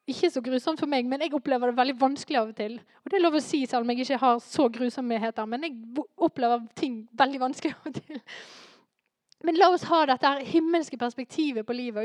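A woman preaching a sermon in a lively way, rising to fervent emphasis. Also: high voice, no echo.

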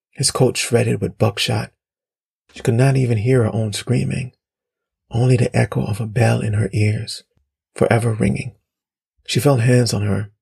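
Audiobook brief: male author narrating, low, gravelly, measured. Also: a little mellow, dry recording, clean studio sound. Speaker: author reading his story.

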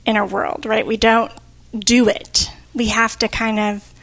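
On a podcast she co-hosts, a woman chats reflectively, searching for her thoughts and using frequent fillers. Her pitch is fairly high and a bit bright, with vocal fry, and her delivery is flat and unhurried.

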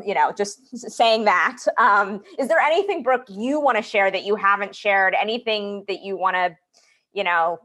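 A woman co-hosting a casual podcast conversation. She speaks with warm appreciation and asks her questions gently. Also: mid-range voice.

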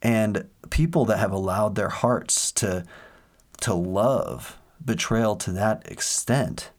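A man's voice: fairly low pitch, takes it slowly. A man in a casual faith discussion, telling stories earnestly with lots of fillers and restarts. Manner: earnest, rambling storyteller with many fillers.

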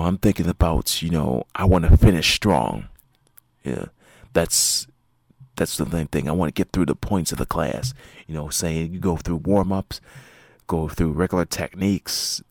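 This is a dry recording of a man with a low, gravelly voice who hosts his own podcast as a martial arts instructor. He yawns and sounds sleepy, talking casually by himself and rambling with plenty of fillers and restarts.

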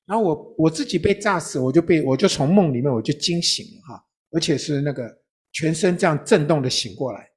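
A man, a pastor, telling a personal testimony in an interview, with a storytelling manner and frequent soft tag particles at the ends of his phrases. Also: fairly high pitch, expressive, fairly quick, husky.

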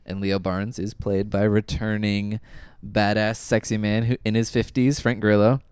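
Low-pitched man, clear and dry. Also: little pitch movement, normal speed, darkish tone, no room sound. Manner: wry, joking. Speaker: podcast co-host. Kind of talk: casual review chat.

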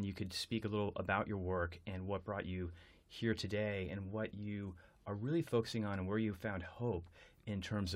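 Male podcast host, very low voice, earnest, thinks aloud with restarts. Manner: earnest, searching, repeats words while thinking. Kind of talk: conversational interview.

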